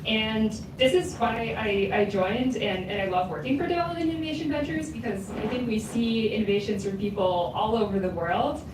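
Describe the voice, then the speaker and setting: A woman's voice: fairly high pitch, moderate pace, hardly any pauses. A woman on a conference panel giving prepared remarks, earnest, with frequent "um" fillers. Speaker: conference panelist from a development agency. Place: conference hall. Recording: echoey hall, mic far off, background noise.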